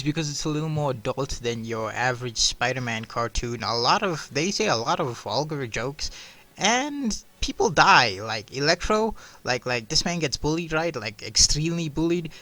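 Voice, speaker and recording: A man with a bright, forceful mid-range voice gives a casual, rambling video review. He's slangy and profane, constantly throwing in "bro" and "dude."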